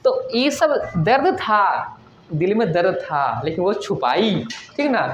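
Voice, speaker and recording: A woman teacher lecturing in a bare, echoing room, caught on a dull, lo-fi recording with a faint hiss behind her. She explains step by step and keeps asking the class whether they follow before answering her own questions. Her pitch sits in an ordinary middle range. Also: big pitch swings, takes it slowly.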